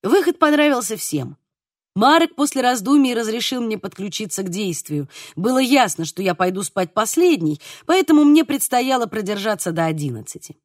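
A woman narrating an audiobook in an expressive, animated reading. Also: a little high, moderate pace, no room sound, studio quality.

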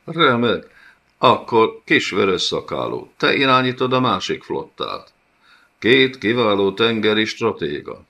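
A man voicing a fat, cruel warlord in an audiobook, with a raspy throat and a sneering, mocking manner. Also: on the low side, big pitch swings, bright, forceful tone, voice pushed up, heavily acted. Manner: sneering, scornful.

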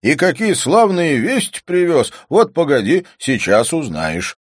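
A man reading a novel aloud and voicing a hearty, boisterous country husband who talks in a loud, jovial way. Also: on the low side, big pitch swings, unhurried, husky, no room sound, studio quality, pitched above the performer's own voice, exaggerated voice. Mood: jubilant.

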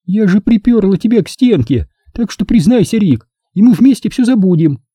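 A jealous, sharp-tongued young woman, high and shrill, full of sarcasm and accusation, as a male audiobook reader puts her on. The voice swings widely in pitch yet keeps a dark, husky grain. It sits close and dry, with no room around it. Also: expressive, normal speed, no room sound. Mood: indignant. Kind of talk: audiobook reading.

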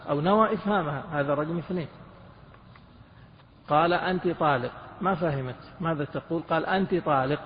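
A man's voice: on the high side, slight background noise. A man teaching Islamic jurisprudence in a classroom lecture, dictating notes to his students and quizzing them with questions. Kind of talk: classroom lecture on a fiqh text. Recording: muffled lecture recording with hall reverb.

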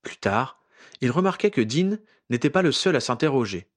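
A man narrating a fan fiction story aloud in an expressive, dramatic reading style. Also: medium pitch, normal speed.

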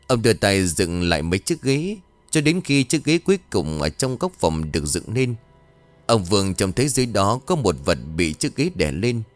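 A man's voice: on the low side, big pitch swings, normal speed, no room sound. A man narrating a ghost story in a dramatic, suspenseful way. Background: faint music.

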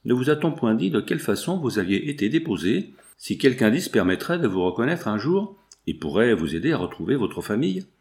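A man's voice: medium pitch, sing-song, fairly quick, few pauses, darkish tone. A man voicing a rich, sickly young woman, gracious but moody, in an audiobook, in a voice close to his own.

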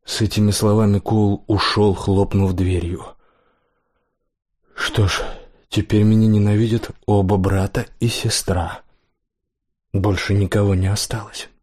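A man narrating an audiobook in an even, measured reading voice. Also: fairly low pitch.

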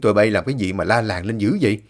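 A man doing a gruff older exorcist. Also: lowish voice, fast talker, voice pushed down, close to an everyday voice. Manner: scolding, blunt.

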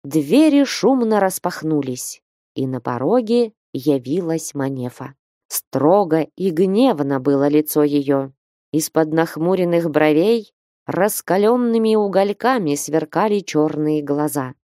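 Brief: audiobook narrator, woman, low voice, dry close recording. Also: dry recording. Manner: expressive, measured reading. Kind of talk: scripted literary narration.

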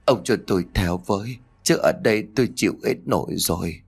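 A man's voice: on the low side, a little fast, gravelly, husky. A man reading a ghost story voices a weak, starving old mother who pleads for food and later returns as a ghost. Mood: pleading.

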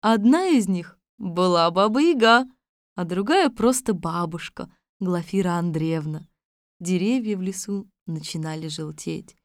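Expressive woman reading a fairy tale. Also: lowish voice, unhurried, no room sound, studio quality. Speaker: narrator. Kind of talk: scripted storybook narration.

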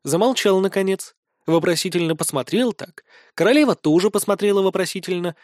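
A man's voice: sits high, a little fast, no echo, clean studio sound. A man reading first-person fantasy narration for an audiobook, in a wry, colloquial way with mild swearing.

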